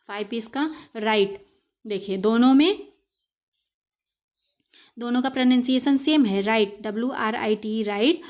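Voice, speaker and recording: A young woman teaching an English lesson in Hindi, spelling words out letter by letter and reading English sentences out very slowly. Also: fairly high pitch.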